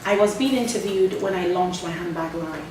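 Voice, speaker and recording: A woman's voice: on the low side, fairly quick. A woman speaking earnestly and emphatically, with touches of humor, as a guest in a live radio interview. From Ghana. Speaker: charity founder and cancer survivor. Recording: echoey room, distant mic, background noise.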